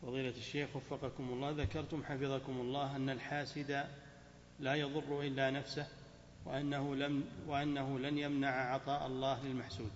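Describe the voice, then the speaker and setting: Flat-voiced man reading questions formally. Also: mid-range voice, brisk, slight background noise. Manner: formal, repeats a respectful address before each question. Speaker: question reader. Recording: dull echoey hall recording.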